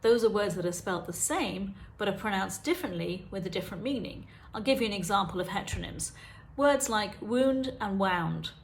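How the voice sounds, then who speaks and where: A woman's voice: mid-range voice, quick pace, vocal fry, hardly any pauses, a little hiss or hum. A woman, a dyslexia specialist, explaining spelling and reading directly to the viewer in a teaching video. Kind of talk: talking-head teaching video.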